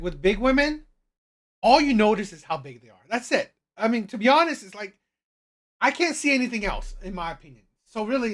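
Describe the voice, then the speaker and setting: A woman giving unscripted opinion commentary in an emphatic, repetitive way with halting restarts. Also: on the high side. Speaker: reaction video commentator.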